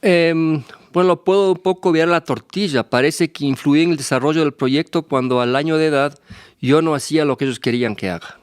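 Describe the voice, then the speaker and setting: A man's voice: on the high side, fairly quick, clear, resonant tone, dry recording. Guest author, man, dry close sound, easygoing and talkative. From Ecuador. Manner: relaxed and rambling, with restarts and asides. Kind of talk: conversational interview answers.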